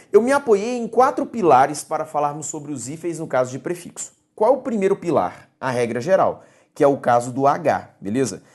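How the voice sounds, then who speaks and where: A woman with a low, mellow voice teaches a recorded grammar lesson. She explains patiently, repeating key words and pausing to check that her students follow.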